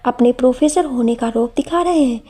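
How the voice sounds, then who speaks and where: Shy teasing college girl, voiced by a woman, husky, mellow. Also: high voice, a little fast. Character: shy young female college student.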